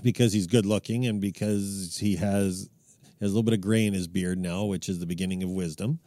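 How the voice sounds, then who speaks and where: A man's voice: deep voice, fairly even intonation, fairly quick, mellow, no echo. A man co-hosting a podcast, asking wry, teasing questions in casual chat. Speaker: podcast co-host.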